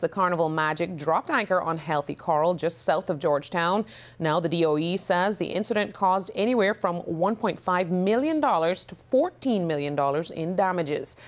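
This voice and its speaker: Female studio news anchor, slightly low voice, polished clean delivery. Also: moderate pace.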